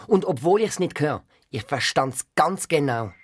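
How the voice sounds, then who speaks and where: A storyteller with a Swiss German accent narrating a children's audio story in the first person as a young boy, with frequent jumps in pitch. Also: expressive, a little slow, breathy edge, dry recording, clean studio sound, soft background music.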